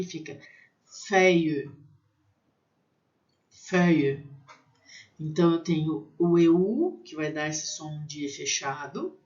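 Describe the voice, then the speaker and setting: A teacher giving a pronunciation lesson, spelling out letters and repeating each word slowly. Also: mid-range voice, warm tone, lo-fi sound.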